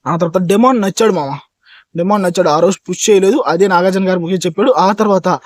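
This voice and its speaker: High, rapid-fire male reviewer. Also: no echo. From India. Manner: emphatic, talks straight to fans, repeats points. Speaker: reality show reviewer. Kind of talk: fast opinionated review monologue.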